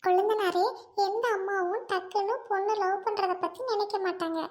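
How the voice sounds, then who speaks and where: A woman voicing a kind young sister-in-law who talks softly and politely, reassuring her brother-in-law in an amateur audio drama. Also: very high-pitched, flat delivery, normal speed.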